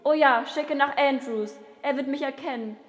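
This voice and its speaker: A woman's voice: sits high, normal speed, big-room sound, close to an everyday voice. A woman playing a proud, stubborn young nobleman who insists on who he is in an audio drama.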